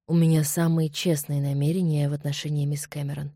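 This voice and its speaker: A woman voicing a cold, composed young gentleman who speaks quietly and evenly, in a lowered voice, in an audiobook. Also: a little fast, no room sound, clean studio sound. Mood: icy calm. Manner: quiet, low, coldly calm.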